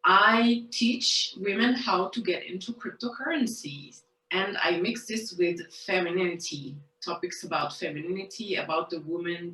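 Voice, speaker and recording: A woman from Switzerland, a guest telling her story in soft, hesitant casual speech. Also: on the low side. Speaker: interview guest and online money coach. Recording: roomy, distant mic.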